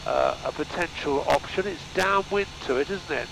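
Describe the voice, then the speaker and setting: A male flight instructor with a very creaky, fairly high-pitched voice explains things casually and haltingly. He talks through a headset in a small cockpit with clear engine drone behind him. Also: background noise. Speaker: flying instructor. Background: aircraft engine drone.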